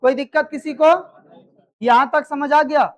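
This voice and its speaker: A woman's voice: high voice, steady tone, normal speed, darkish tone. A woman teaching a grammar class, quizzing students and checking that they follow. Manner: quizzes students, repeats answers, checks understanding. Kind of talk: live classroom lesson.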